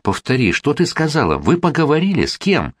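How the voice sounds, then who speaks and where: A man's voice: lowish voice, animated, normal speed, no echo, clean studio sound. A man voicing a desperate, cornered middle-aged father in a read-aloud story, ragged and strained. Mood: shocked.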